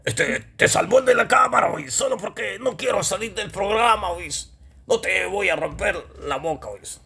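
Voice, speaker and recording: A man voicing a touchy, loudmouthed male gorilla comedian who picks fights. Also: high voice, lively intonation, creaky, pitched above the performer's own voice, heavily acted. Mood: threatening. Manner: quick-tempered, threatening, indignant.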